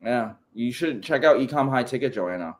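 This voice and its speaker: A livestream co-host with a mid-range voice talks at a moderate pace, joking around in an animated way. He packs his speech with filler words, especially "like."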